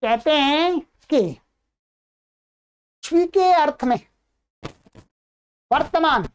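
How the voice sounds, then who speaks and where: Female grammar teacher with a high voice, recites rules and then explains them clearly. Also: lively intonation, drawn-out words. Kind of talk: online grammar lesson.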